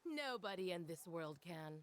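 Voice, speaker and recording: A woman's voice: on the low side, very animated, normal speed, a little hiss or hum. An actress playing a bold, confident female martial arts fighter in a video game, self-assured in delivery. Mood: boastful. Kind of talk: scripted game voice acting.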